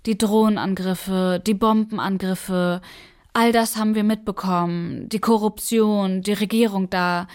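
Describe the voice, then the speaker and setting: A hesitant young activist of twenty, played by a woman in a verbatim radio play. She keeps pausing and reaching for words, with many fillers. Her pace is slow and drawn out. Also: medium pitch, steady tone, darkish tone, lightly acted. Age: 20s.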